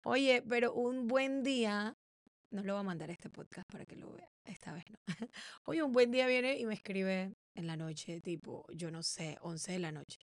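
A woman's voice: medium pitch, expressive, normal speed, no room sound, studio quality. A woman co-hosting a podcast, telling a story in casual chat and acting out the quoted voices with laughs. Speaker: podcast co-host.

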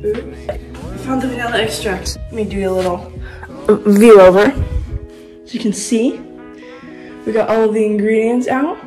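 A woman's voice: a little high, normal speed, long pauses, darkish tone, distant mic. Rambling teen vlogger filmed from across a home kitchen on a phone, music playing under her. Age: teens. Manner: chatty, self-mocking, rambling. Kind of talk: casual baking vlog. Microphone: phone camera at a distance. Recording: roomy kitchen, off-mic, music.

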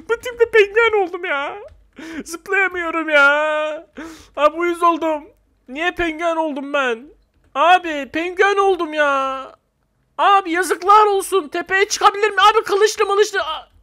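Excitable young man gaming, bright voice. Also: very high-pitched. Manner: excitable, swings from shouting to mock-calm mumbling. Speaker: gamer. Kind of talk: casual gameplay commentary.

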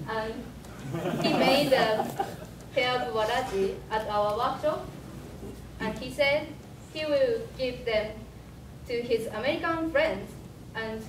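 Young Japanese-accented female presenter, gentle and higher voice, slow, echoey room from afar with noise. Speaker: student presenter. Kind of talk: project presentation. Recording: echoey room, distant mic, noisy.

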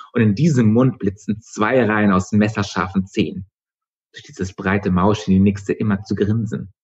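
A male author reading his novel aloud in steady, measured narration. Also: fairly low pitch, breathy edge, lo-fi sound. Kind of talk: live book reading.

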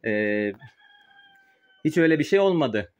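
A man's voice: medium pitch, very animated, measured pace, clean tone. A man speaking through a face mask, slightly muffled, explaining informally as he works and films a casual poultry-keeping vlog. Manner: explains informally while working with a sprayer. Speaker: host of a poultry-keeping channel. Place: small wooden chicken coop. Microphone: handheld phone camera, held while working.

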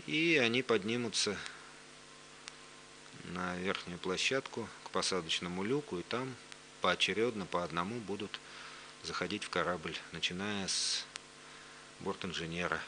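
A man's voice: sits low, unhurried, long pauses, pushed and bright, low-quality recording. A man speaking as an expert guest, giving matter-of-fact explanations in unscripted live commentary. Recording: faint hum and background noise.

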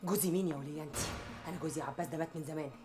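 An actress playing a haughty, wealthy wife who speaks Egyptian Arabic and flies into a rage. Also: female voice, low voice, rapid-fire, dark tone, soft background music, close to an everyday voice. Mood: impatient. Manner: snappish, screeching when enraged. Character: haughty wealthy woman, quick to anger.

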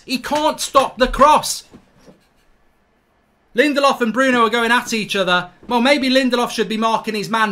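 A middle-aged man, reacting live to a football match, ranting, swearing and shouting in exasperation. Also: very high-pitched. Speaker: football fan channel host.

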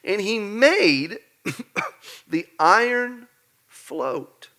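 A pastor delivers a lively, conversational sermon in a church sanctuary, animated and playful, telling the story like a storyteller and joking along the way. His voice sits high for a man, with a bright, forward edge and drawn-out words.

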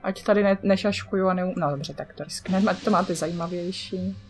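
A woman's voice: fairly low pitch, soft background music. A woman with a Czech accent giving casual let's-play commentary, chatty, swearing at the game and muttering to herself as she plays. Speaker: gamer.

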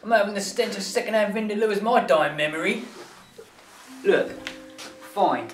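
A man's voice: sits high, normal speed, natural voice. Man playing a sardonic British thief, echoey. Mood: grudging. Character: irritable, sardonic male petty thief, gruffly kind. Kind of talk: naturalistic film acting. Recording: echoey room, distant mic, music behind.

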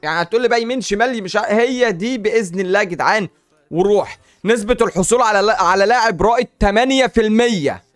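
Egyptian man hosting a gaming channel: high, quick and excitable, chatty with viewers, dry close sound, faint music behind. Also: no echo. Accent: Egyptian Arabic. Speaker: gaming YouTuber host. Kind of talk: casual gaming commentary while opening packs.

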